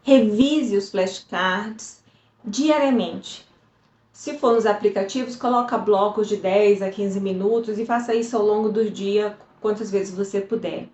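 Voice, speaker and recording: A woman's voice: mid-range voice, measured pace, a little mellow. Chatty woman teacher, echoey room. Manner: chatty, explanatory, frequent "tá?" check-ins. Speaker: Hebrew teacher. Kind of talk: casual teaching video.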